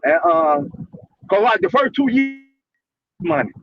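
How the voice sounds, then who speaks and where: A man's voice: high voice, very animated, unhurried, distant mic. A man calling in from a truck while driving, talking in a loose, rambling way as his call audio breaks up. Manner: loose, rambling, filler-heavy talk. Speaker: caller. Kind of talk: casual chat. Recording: dull, breaking-up call line.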